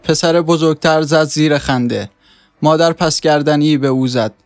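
Male audiobook narrator, steady storytelling, slightly high, dry close mic. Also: no room sound, soft background music.

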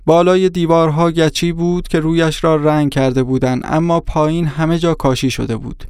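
A man narrating an audiobook in a measured, descriptive storytelling manner. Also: fairly high pitch, steady tone, darkish tone, clean tone, no room sound, studio quality.

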